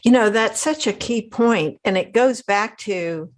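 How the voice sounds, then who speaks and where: A woman hosting a podcast interview, asking questions in a slow, measured way. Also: mid-range voice. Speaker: podcast host.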